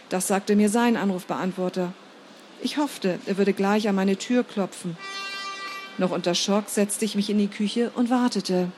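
A woman narrating a first-person story in a measured, steady reading voice. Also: medium pitch, slight background noise.

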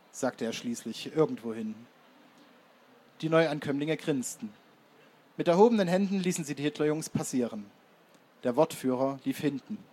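Man reading a story in measured tones. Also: mid-range voice, a little mellow, breathy edge. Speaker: narrator. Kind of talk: scripted audiobook narration.

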